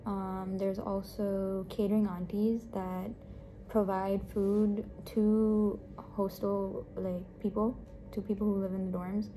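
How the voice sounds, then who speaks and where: A young woman, a medical student, chatting casually through her day as a vlogger, with relaxed fillers. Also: mid-range voice, slow, a little hiss or hum. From Pakistan. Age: young adult. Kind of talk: casual vlog narration.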